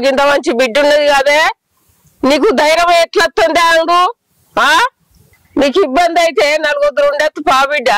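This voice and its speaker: A woman playing an older village mother who consoles her married daughter with slow, repetitive reassurance, in a Telangana Telugu accent. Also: high-pitched, no echo, lightly acted, rough recording. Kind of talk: village short film drama.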